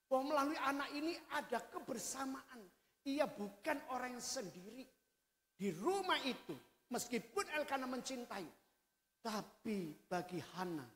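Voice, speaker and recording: A male pastor preaching a sermon, swinging between quiet and loud delivery. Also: high voice. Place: hotel function room used for a church service. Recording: echoey hall reverb.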